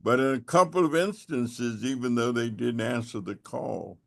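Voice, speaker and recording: A man answering as a panelist in an online discussion, measured and deliberate. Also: medium pitch, creaky. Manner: slow, measured, with restarts. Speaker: panelist, congressman.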